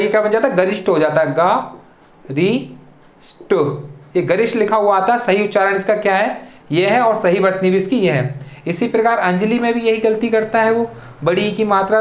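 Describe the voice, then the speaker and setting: A teacher runs an exam-prep spelling lesson at a middle pitch. The teacher poses questions and answers each one, breaking words into syllables. The voice rings in a roomy, echoing space. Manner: rhetorical questions, then the answer. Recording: echoey room.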